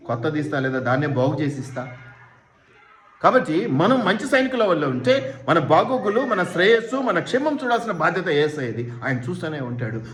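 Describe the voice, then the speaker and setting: Pastor, male, fairly high voice, preaches with pointed rhetorical questions, echoey church hall. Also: fairly bright tone. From India. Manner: rhetorical questions, quotes imagined speakers. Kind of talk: sermon.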